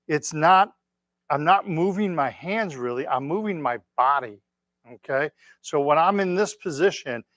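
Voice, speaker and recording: Male tai chi instructor, slightly high voice, dry sound, gentle and unhurried step-by-step class cues. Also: dry recording.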